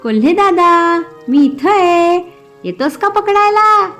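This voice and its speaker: A woman's voice: sits high, lively intonation, takes it slowly, a little mellow, faint music behind. A woman voicing a clever, sly little male tortoise in a children's cartoon story, coaxing sweetly. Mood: taunting.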